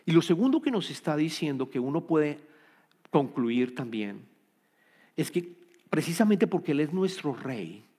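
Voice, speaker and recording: Preacher, male, slightly high voice, earnest sermon delivery with repeated phrases, recorded in a reverberant hall. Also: sing-song, a little slow, dark tone. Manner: earnest, repeats key phrases, restarts words. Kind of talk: Bible-study sermon.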